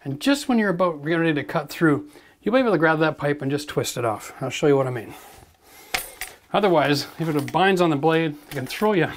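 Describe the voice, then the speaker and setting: A man in his forties hosts a renovation show from a gutted bathroom inside an old brick building, giving a direct, practical how-to demonstration and calling his viewers folks. His voice runs on the high side, expressive and fairly quick, with slight background noise.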